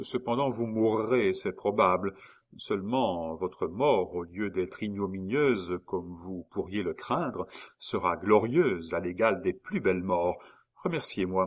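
A man reading an audiobook and voicing a cold, mocking husband who taunts his wife with false politeness. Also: deep voice. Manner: sneering, mock-polite, taunting.

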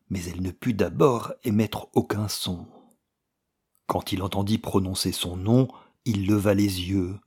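A man narrating a literary story in a measured, grave way. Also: low-pitched, a little mellow, husky.

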